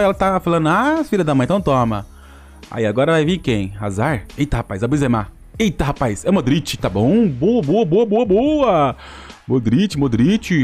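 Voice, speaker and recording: A young Brazilian man commentates a football game with huge swings in pitch, his voice riding up and down. He sits a little higher than most men and groans and laughs at his bad luck, with light music playing under him. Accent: Brazilian Portuguese. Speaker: mobile football game YouTuber. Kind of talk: excited gameplay commentary.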